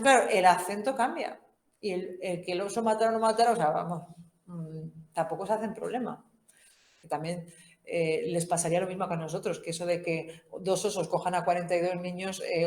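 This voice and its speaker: In a roomy, echoing recording, a woman with a Spain Spanish accent gives an informal Bible course talk, conversational and humorous, often ending sentences with tag questions. Her voice sits on the low side and is a little mellow.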